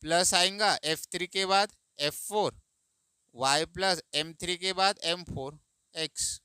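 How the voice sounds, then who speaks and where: A man teaching math in Hindi, explaining slowly and patiently, asking and answering his own questions. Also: high voice, sharp tone, smooth, dry recording, clean studio sound.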